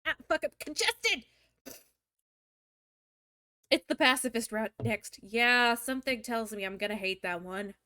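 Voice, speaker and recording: A woman's voice: fairly high pitch, lively intonation, unhurried, pauses often, sharp tone, no room sound, clean studio sound. A young woman livestreaming as a VTuber, reading a visual novel aloud and breaking off into crude, joking asides. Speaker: VTuber streamer. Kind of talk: live-streamed visual novel reading with commentary.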